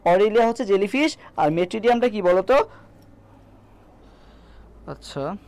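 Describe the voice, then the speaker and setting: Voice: medium pitch, expressive, normal speed, darkish tone. A biology tutor with a Bangladeshi Bengali accent, teaching a live online class and asking questions that they answer themselves. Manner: quizzing, asks and answers own questions; reads viewer names from comments.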